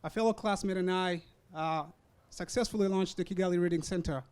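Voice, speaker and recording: With a notably high, light voice whose tone is darkish and clean, a young Rwandan student addresses a university audience in a prepared talk on a hand-held or stand mic. He isn't a native English speaker and sometimes pauses to collect his words, keeping his sentences earnest and measured.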